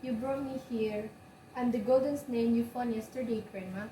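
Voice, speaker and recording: A girl playing a gentle young princess, Indonesian accent. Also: fairly high pitch, normal speed, natural voice. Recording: echoey room, distant mic, noisy.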